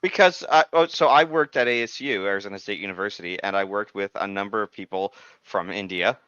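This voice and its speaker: Man, low smooth bright voice, earnest casual chat, dry dull recording. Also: fairly quick, no echo. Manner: earnest, explains at length. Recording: dry, slightly dull close mic.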